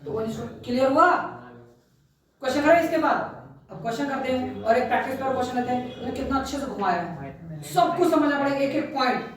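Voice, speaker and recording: A man's voice: very high voice, expressive, fairly quick. A young man tutoring a class, mixing English terms into his talk and constantly asking whether the students have understood. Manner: keeps checking if students understood; mixes Hindi with English terms. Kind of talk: classroom lesson. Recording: echoey room, voice from far off.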